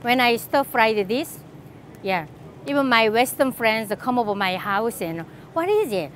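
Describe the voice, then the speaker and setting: A woman's voice: fairly high pitch, lively intonation, unhurried, slight background noise. A middle-aged woman from Korea with a Korean accent, chatting enthusiastically as she walks through a grocery store and shows products to the camera. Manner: chatty, enthusiastic, laughs often. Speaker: cooking channel host. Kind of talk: casual shopping walkthrough. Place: large grocery store aisles, indoors.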